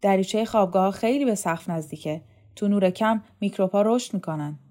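A woman's voice: medium pitch, warm tone, lightly acted. Woman reading as a stern, commanding male official. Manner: brusque, commanding.

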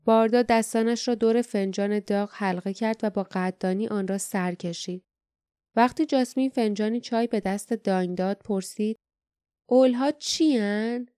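A woman narrating a fantasy audiobook in a steady, even storytelling manner. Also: mid-range voice, clean tone, no room sound, clean studio sound.

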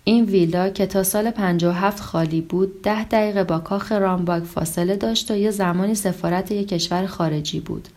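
A woman narrating a translated story in a calm, even reading voice, lightly voicing the dialogue. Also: mid-range voice, few pauses. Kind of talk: scripted audiobook narration.

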